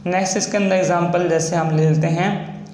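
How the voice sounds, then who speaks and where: A man teaches a shorthand lesson, slowly spelling out each sound step by step. His voice sits fairly high, and the room gives it a noticeable echo with faint noise behind. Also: steady tone, darkish tone. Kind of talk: classroom-style lesson.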